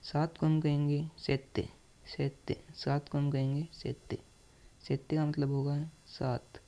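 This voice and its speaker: A man's voice: a little high, flat delivery, measured pace, mellow. A man teaching a beginner language lesson, who repeats each word several times and spells out its letters. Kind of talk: slow, repetitive counting lesson.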